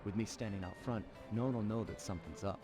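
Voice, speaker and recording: A man doing a suave low raccoon thief. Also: fast talker, lightly acted. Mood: cool. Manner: cool, laid-back, dry. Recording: game audio with music behind.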